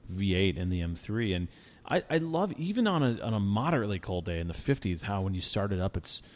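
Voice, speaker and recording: A man hosting a casual car talk show, telling stories in a relaxed, rambling way with many restarts. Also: fairly low pitch, brisk. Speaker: podcast host.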